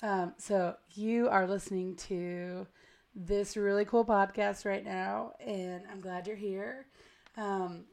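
Female American podcast host, gravelly, smoky and hoarse from a cold, creaky mid-pitched delivery, chatty, self-deprecating and informal. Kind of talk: casual podcast intro chat. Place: at home.

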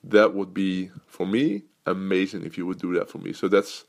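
Dutch guy rambling on his podcast, real low voice with lots of fry. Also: steady tone, moderate pace. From Netherlands. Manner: loose, rambling, many fillers and restarts. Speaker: podcast host and business coach. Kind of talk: casual solo podcast talk.

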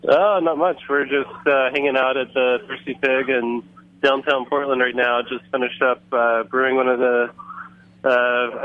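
A man's voice: mid-range voice, no room sound. Man calling in over a phone speaker. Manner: relaxed, chatty, many fillers. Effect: phone call played over a speaker. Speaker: caller. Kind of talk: casual chat. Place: noisy bar. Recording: muffled phone line.

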